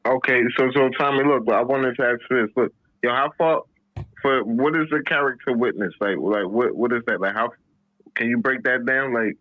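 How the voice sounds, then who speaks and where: A man's voice: medium pitch, moderate pace. A podcast host asking loose, slangy questions, stumbling and restarting as he goes. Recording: dry tinny phone-like line.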